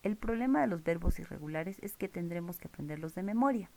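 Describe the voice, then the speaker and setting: A woman's voice: on the low side, animated, quick pace, vocal fry, darkish tone, slight background noise. A woman teaching English grammar in a recorded lesson, explaining rules step by step and checking in with her viewers. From Peru.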